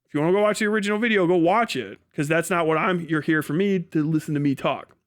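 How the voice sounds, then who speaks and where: Hosting a livestream at a quick pace, a man with a fairly high-pitched voice gives unplanned commentary. He hammers points emphatically, repeats them, argues, and swears casually.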